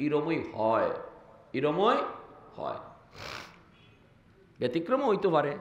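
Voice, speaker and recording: Male preacher from Bangladesh, sermon delivery, fairly high voice, rhythmic repetition, echoey amplified recording. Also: wildly swooping pitch, slow pace, dull audio. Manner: rhythmic repetition, rising to emphatic calls. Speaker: Islamic preacher. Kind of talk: waz sermon.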